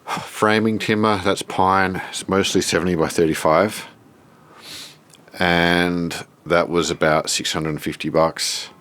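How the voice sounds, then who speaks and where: Deep, stuffed-up Australian man. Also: steady tone, a little slow, fairly bright tone. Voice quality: stuffed-up, nasal from a blocked nose. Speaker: vlogger showing a self-built shed. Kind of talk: casual unscripted walk-through to camera.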